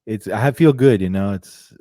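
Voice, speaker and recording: A middle-aged man from Armenia, hosting a casual chat. His voice sits very low and sounds dark and mellow, with a loose, filler-heavy way of talking. The sound is dry and close, from a studio mic in a room at home. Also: normal speed, no room sound. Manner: relaxed, chatty, many fillers and restarts. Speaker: podcast host interviewing a photographer. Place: indoor room with leather couch, on a video call. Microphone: studio microphone close to the mouth.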